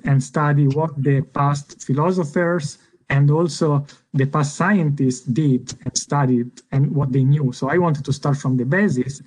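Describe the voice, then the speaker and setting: A man's voice: medium pitch, a little mellow, low-quality recording. A man, an assistant professor, introducing his research on a video call, hesitant with many fillers. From Italy. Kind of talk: online panel self-introduction.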